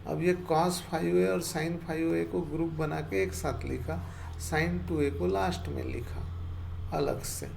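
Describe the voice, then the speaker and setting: A man teaches math in a slow, unhurried way, patiently going over each step again and again. His voice is strongly gravelly and sits a little high for a man. A faint hiss of noise runs under the recording. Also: steady tone, a little mellow. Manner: patient, repeats each step, checks if students follow. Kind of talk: explaining a math lesson step by step.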